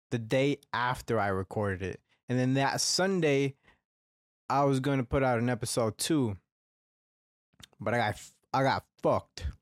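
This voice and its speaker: In clean studio sound with no echo, a young man's mid-range voice delivers a casual solo podcast monologue. He has a slightly congested, phlegmy throat and tends to ramble, swear heavily and start over frequently.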